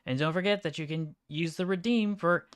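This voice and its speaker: A woman's voice: fairly low pitch, moderate pace, slight background noise. A woman casually chatting while she streams a video game, playful and a bit silly. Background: faint background game music.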